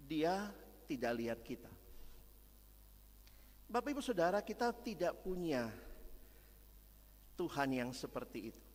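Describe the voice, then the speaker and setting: Animated preacher in a reverberant hall. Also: male voice, on the high side. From Makassar, Indonesia. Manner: animated storytelling, swinging between loud and hushed. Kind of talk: sermon with story.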